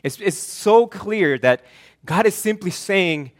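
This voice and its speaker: A man's voice: high voice, animated, slow pace. A man from Argentina, a pastor preaching an earnest, emphatic sermon that often repeats and restarts words.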